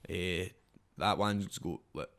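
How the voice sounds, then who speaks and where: This podcast guest, a wrestler and social media comedy creator from Scotland, speaks in a deep, slow voice with vocal fry and a slightly bright edge. His broad accent carries rambling, slangy chat peppered with swearing and filler tags.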